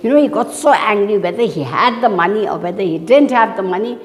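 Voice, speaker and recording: A woman's voice: medium pitch, expressive, fairly quick, in a large hall, slight background noise. A woman teacher reading from a book to her pupils and explaining it, often stopping to ask them questions. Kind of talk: online class lesson.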